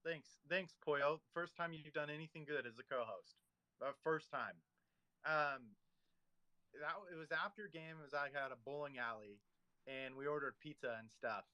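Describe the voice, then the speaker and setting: A man's voice: on the high side, normal speed, sharp tone, no echo, dull audio. A man hosting a casual online audio chat, rambling and teasing, with lots of fillers. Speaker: host of a social audio room.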